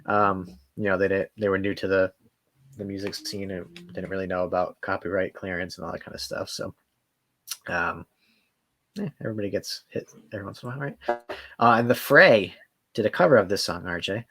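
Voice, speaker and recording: Lowish, easygoing male co-host; relaxed, fact-sharing banter. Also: brisk. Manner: easygoing, explains facts, hedging fillers. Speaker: podcast co-host. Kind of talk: casual banter.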